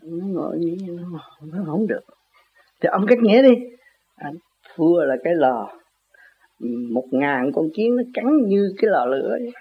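A man's voice: fairly high pitch, lively intonation, normal speed, gravelly, slight background noise. An older man in a casual, rambling monologue, chuckling often as he argues about where words come from. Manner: chuckling, argumentative, folksy word-play. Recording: tinny phone-like audio.

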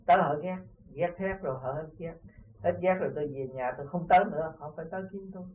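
High-voiced Southern Vietnamese teacher, tinny tape. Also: male voice, fast, far from the mic, slight background noise. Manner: earnest, repeatedly asks "see?". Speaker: spiritual teacher. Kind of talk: informal dharma talk with parables.

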